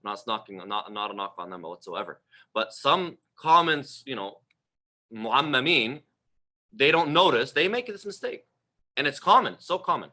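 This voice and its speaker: A man's voice: mid-range voice, sing-song, normal speed, pushed and bright. A man giving a religious lecture, direct and emphatic, full of rhetorical questions aimed at his listeners. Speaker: religious teacher.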